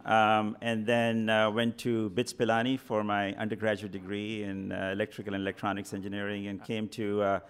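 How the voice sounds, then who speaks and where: A middle-aged man from northern India, a venture capital guest in a radio studio, answering in a measured, matter-of-fact way. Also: on the low side, completely flat delivery, smooth. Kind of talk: interview answers.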